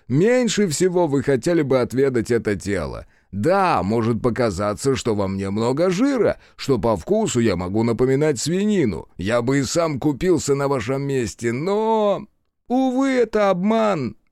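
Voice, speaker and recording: A man's voice: medium pitch, a little mellow, no echo, clean studio sound. A man voicing a fat, fawning character who apologizes and explains himself in a cheerful, obsequious rush of words. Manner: obsequious, bowing and effusive.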